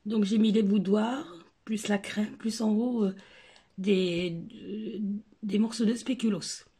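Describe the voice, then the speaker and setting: Hoarse lady walking thru her buffet food, mellow husky voice, lots of euh and pauses. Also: mid-range voice, steady tone. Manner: chatty, hesitant with many fillers. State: hoarse, sore throat. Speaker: home cooking vlogger. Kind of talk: casual cooking and decor walkthrough.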